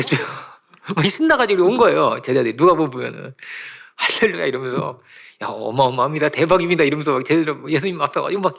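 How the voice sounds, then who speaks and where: A man preaching a sermon as a pastor in a church, telling stories in a lively way and acting out quotes, with laughs in between. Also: fairly high pitch, creaky. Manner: animated storytelling with laughs and acted-out quotes. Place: church sanctuary.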